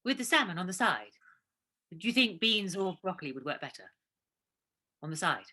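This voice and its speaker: A woman's voice: lowish voice, big pitch swings, normal speed, sharp tone, exaggerated voice. An actress playing an anxious woman with a London accent, cooking dinner for her partner and talking in a fretful, hesitant way in a naturalistic stage drama. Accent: London English. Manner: fretful, hesitant, restarts when nervous. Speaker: actor in a two-hander play.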